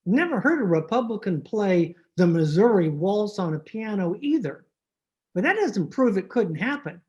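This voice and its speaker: A woman's voice: medium pitch, big pitch swings, moderate pace, mellow, natural voice. A woman playing a droll, wisecracking veteran family doctor in old-time radio comedy, with dry, wordy sarcasm. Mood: wry. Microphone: video call microphone.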